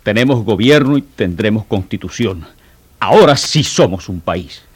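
A deep-voiced, husky townsman sharing news. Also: lively intonation, moderate pace, no echo. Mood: informative. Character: man spreading political news in a public place, proud. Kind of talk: radio drama acting.

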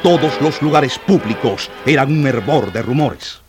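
A man's voice: medium pitch, animated, unhurried. A man giving dramatic scripted narration of historical events for a radio drama, in a solemn, heightened manner. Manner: solemn, rising to heightened intensity in battle passages. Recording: narration over loud music.

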